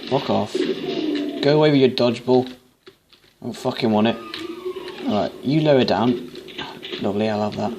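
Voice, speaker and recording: Guy swearing and rambling through a game playthrough, average pitch, noisy mic. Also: moderate pace, pauses often. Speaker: gamer. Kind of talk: let's play commentary. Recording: noisy home recording.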